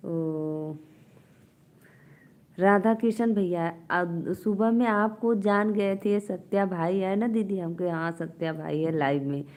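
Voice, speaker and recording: A woman's voice: fairly low pitch, a little mellow. A woman with an Awadhi accent hosting a casual live stream from a phone, reading out viewer comments and bantering playfully with them.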